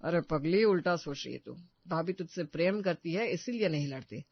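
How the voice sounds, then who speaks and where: A woman's voice: lowish voice, expressive, a little fast, husky, no room sound, muffled recording, voice pushed down. A woman voicing a kindly elder brother-in-law in a cartoon story, giving fatherly advice. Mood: advising. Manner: fatherly, advising.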